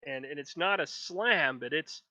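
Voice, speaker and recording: A man narrating a tabletop game as dungeon master, drawing out the scene slowly. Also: on the high side, sharp tone. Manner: slow, drawn-out scene narration. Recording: dry, slightly dull audio.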